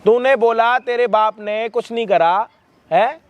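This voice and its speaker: A man with a high voice hosts a staged prank video. He scolds loudly, repeats words over and over and swears freely, treating it as a confrontation. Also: measured pace, dry recording, muffled recording.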